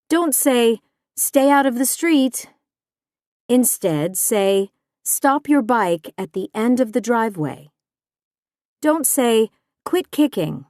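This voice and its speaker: A woman reading nonfiction aloud in a measured, deliberate way. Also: on the high side, darkish tone, no room sound, clean studio sound. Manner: measured, deliberate delivery of examples. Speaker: audiobook narrator.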